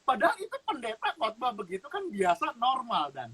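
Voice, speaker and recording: Husky, lively man. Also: very high-pitched, normal speed. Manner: animated storyteller who laughs often. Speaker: guest giving a testimony. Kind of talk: spiritual talk-show testimony.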